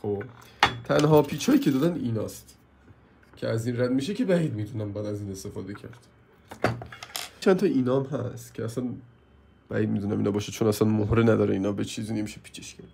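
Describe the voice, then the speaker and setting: A man with a cold and a hoarse voice, complaining as he reviews a purchase in a casual hands-on video and keeps asking viewers for help. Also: lowish voice, background noise.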